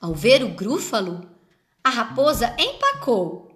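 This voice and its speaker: A woman reading a rhyming children's storybook aloud, slowly and expressively. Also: mid-range voice. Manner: slow, expressive rhyming narration.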